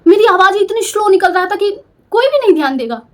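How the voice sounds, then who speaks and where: High-voiced young woman telling her story. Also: lively intonation, fast talker. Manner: emotional, confessional, self-reproaching. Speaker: storyteller vlogger. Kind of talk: personal storytelling.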